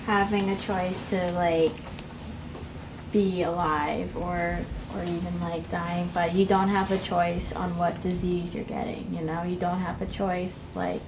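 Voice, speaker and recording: A woman's voice: fairly low pitch, flat delivery, measured pace, background noise. A teenage girl, a student, speaking hesitantly and trailing off. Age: teens. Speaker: student participant.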